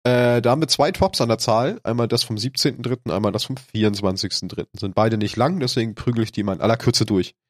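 A man's voice: mid-range voice, fast, hardly any pauses, no echo, clean studio sound. Congested, nasal man hosting a podcast. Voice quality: congested, stuffy nasal voice from a cold. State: snotty with a cold. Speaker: podcast host. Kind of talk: casual podcast talk.

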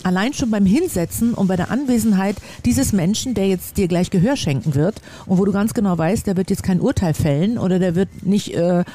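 Earnest high-voiced man, mellow tone. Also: fairly quick, hardly any pauses. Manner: earnest, confessional storytelling. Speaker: podcast co-host. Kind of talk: casual chat. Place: small balcony outdoors.

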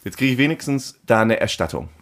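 A man in casual chat, telling an animated story and acting out the phone calls in it. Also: medium pitch, brisk.

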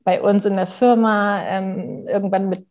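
A woman's voice: medium pitch, steady tone, a little slow, darkish tone, lo-fi sound. A woman in her thirties speaking candidly as an interview guest, thinking aloud in a reflective, conversational way. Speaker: interview guest, company co-founder. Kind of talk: casual interview talk.

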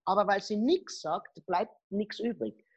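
Husky-voiced woman giving advice. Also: mid-range voice, unhurried, dull audio. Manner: lively storytelling with acted quotes. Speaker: guest expert on body language. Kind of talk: podcast interview.

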